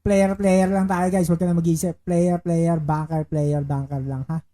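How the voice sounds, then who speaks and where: A male live-streamer with a warm, mellow tone that stays relaxed. He talks in a loose, casual way as he plays, reads out viewer shoutouts, and rattles off repeated betting calls. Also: on the high side, moderate pace. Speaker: livestreaming baccarat player.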